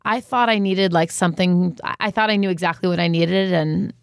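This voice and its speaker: A woman's voice: fairly low pitch, fairly even intonation, brisk, gravelly, clear, resonant tone, no echo, studio quality. A woman around thirty, a podcast guest, talking candidly and reflectively in a casual interview chat. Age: 30s. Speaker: podcast guest, food business founder.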